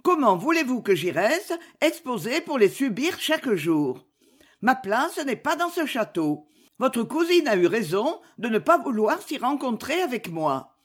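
A woman reading aloud, voicing a tearful, passionate young woman with a husky, raised voice that swings widely. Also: a little high, very animated, measured pace, voice pushed up, heavily acted. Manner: pleading, emotional.

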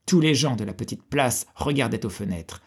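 A man reading a historical novel aloud in a steady, measured way. His voice is gravelly with a husky edge, at a middle pitch. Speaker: audiobook reader.

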